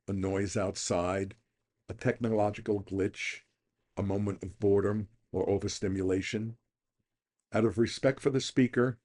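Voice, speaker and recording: Reading a scripted daily meditation for a recovery programme, a middle-aged or older man speaks in a fairly low, slightly mellow voice.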